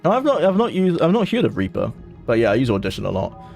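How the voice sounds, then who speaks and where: A man's voice: medium pitch, huge pitch swings, quick pace, creaky, a little mellow, faint music behind. A man streaming a video game, chatting casually and thinking aloud in an amused way. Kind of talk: casual gameplay commentary.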